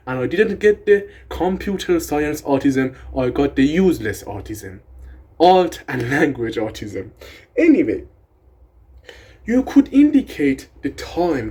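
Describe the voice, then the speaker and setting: A young man who creates language videos, and whose first language is Persian, explains grammar casually in a rambling, self-deprecating way, swearing as he goes. His voice is husky and medium in pitch, with a dark tone.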